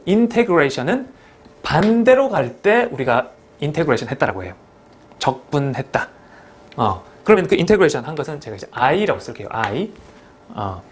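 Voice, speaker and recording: A middle-aged man gives a whiteboard math lecture, with a voice that sits a little high and swings widely in pitch. He walks through each term patiently and keeps turning to his students to check they follow. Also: husky. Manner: talkative, mixes in English math terms, asks students "그죠?". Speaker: math teacher.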